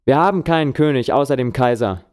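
A man voicing a hostile man in an angry crowd, barking accusations in a raised, loud voice. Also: mid-range voice, fairly quick, clean tone, voice pushed up, lightly acted. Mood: shouting hostile.

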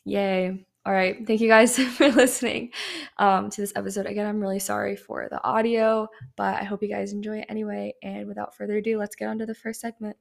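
Creaky-voiced young woman hosting a podcast. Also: mid-range voice, flat delivery, fairly quick. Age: young adult. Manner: chatty, filler-heavy, laughing often. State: sick. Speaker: podcast host. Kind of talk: casual chat.

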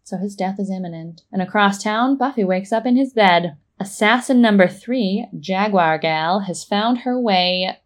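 A woman co-hosting a podcast, retelling a TV episode scene by scene in a casual, animated way. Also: medium pitch, normal speed, few pauses. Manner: animated play-by-play storytelling. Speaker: podcast co-host. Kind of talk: casual episode recap chat.

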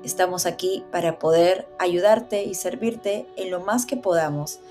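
A woman's voice: on the low side, a little slow, mellow, soft background music. A woman hosting a podcast, upbeat and welcoming as she greets listeners and interviews her guest. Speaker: podcast host.

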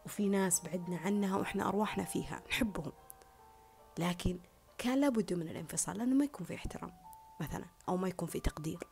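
A woman speaks in an earnest, reflective monologue, with a gravelly, creaky edge to her voice. She drives her points home through repetition and often slips into a soft whisper. Faint music plays underneath. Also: on the low side, racing. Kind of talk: reflective monologue on love and relationships.

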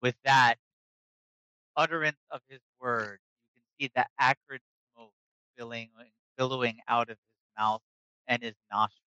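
A man acting as game master, narrating a tabletop game in an unhurried way, with fillers. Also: mid-range voice, pushed and bright, clean tone, no echo. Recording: dull lo-fi recording.

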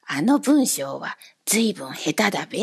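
A woman's voice: on the low side, very animated, unhurried, vocal fry, husky, pitched below the performer's own voice, heavily acted. A woman voicing an odd little goat-legged coachman who talks in country dialect and is wheedling and easily hurt. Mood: sly rustic.

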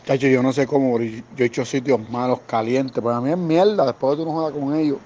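A Puerto Rican man spins casual, slangy stories from his security guard days, jumping into the voices of the people he quotes. His voice sits at an ordinary middle pitch. The recording is dull and lo-fi, with a faint hiss underneath. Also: quick pace, mellow. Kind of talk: casual storytelling.

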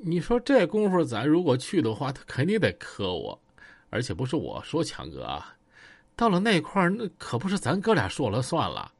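A man's voice: on the high side, wildly swooping pitch, normal speed, gravelly, slightly rough, no room sound, heavily acted. A man voicing a cautious, polite ex-con who talks in a pleading, deferential way, with a Northeastern Chinese accent.

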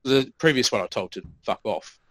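A man's voice: medium pitch, normal speed, fairly bright tone, no room sound, rough recording. A man co-hosting a podcast, telling work stories in casual chat, swearing freely and acting out what people said. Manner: swears freely, acts out quoted remarks. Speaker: podcast co-host.

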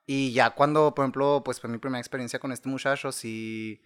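A man's voice: medium pitch, steady tone, brisk, clear, resonant tone. A young man with a Mexican accent, chatting casually, full of slang and swearing, laughing often. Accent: Mexican Spanish. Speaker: guest. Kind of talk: casual chat.

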